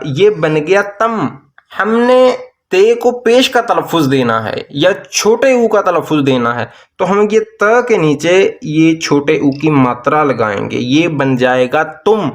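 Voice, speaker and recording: A man, teaching a lesson and drawing out each sound as he spells words out slowly. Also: a little high. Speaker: language teacher. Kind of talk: slow explanatory lesson.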